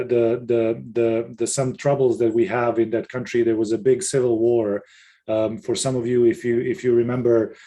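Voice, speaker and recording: A man's voice: mid-range voice, dark tone. Earnest middle-aged man from Serbia. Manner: earnest, with frequent restarts and fillers. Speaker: webinar panelist, professor. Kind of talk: casual webinar talk.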